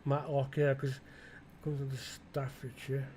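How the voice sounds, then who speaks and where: A man's voice: mid-range voice, monotone, a little slow, darkish tone, slight background noise. A British man musing aloud in rambling flight-sim commentary, often asking himself questions and restarting his sentences, with blunt, mildly irreverent asides. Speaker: gaming video creator.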